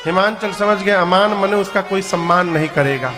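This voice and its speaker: A man's voice: high-pitched, normal speed. A man telling a devotional scripture story as a sermon, singing verses and then explaining them in a chatty, joking way. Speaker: religious storyteller. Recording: sermon with background music.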